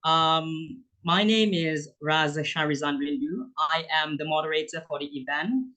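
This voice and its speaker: A young man, a student intern, moderating a virtual panel with formal, halting introductions. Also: on the high side, pushed and bright, low-quality recording. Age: young adult.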